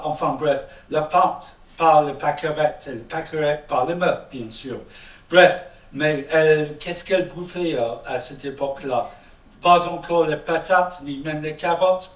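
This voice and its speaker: A man with a British accent reads an ironic, slangy text aloud to an audience, unhurried and deliberate. His voice sits a little high for a man. It carries from some distance across an echoey hall. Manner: dry, ironic, slangy delivery. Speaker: speaker at an evening event. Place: event hall. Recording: echoey hall, mic from far off.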